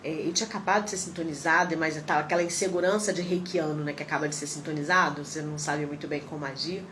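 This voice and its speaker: A Brazilian woman in her thirties tells personal stories on a livestream, with a slightly low voice. She is animated and acts out the people she quotes. A clear layer of background noise sits behind her. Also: quick pace. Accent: Brazilian Portuguese. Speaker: reiki practitioner. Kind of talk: casual livestream chat.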